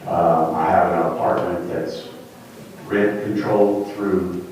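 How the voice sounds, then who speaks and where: A middle-aged or older man answering a judge as a defendant, halting, deferential and apologetic, recorded in a courtroom. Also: sits low, steady tone, a little mellow. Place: echoey courtroom, distant microphone. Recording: very echoey, distant mic, faint noise.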